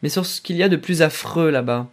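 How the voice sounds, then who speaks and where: A man reading aloud, voicing a brisk commander's wife who speaks in an urgent, insistent way. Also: on the high side, lightly acted. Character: brisk commanding officer's wife, sharp and poised.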